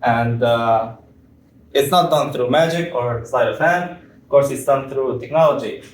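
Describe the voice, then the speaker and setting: A young man from Tunisia giving a conference presentation, explaining step by step with frequent pauses and fillers. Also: mid-range voice. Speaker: PhD student presenter. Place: conference room. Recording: echoey room, far from mic.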